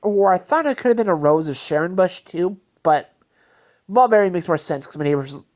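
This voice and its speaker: Speaking at a normal speed in a lowish, slightly mellow and animated voice, a female gaming host chats loosely over gameplay. Allergies make her sound nasal and congested, and her talk rambles with lots of fillers and corrections of herself.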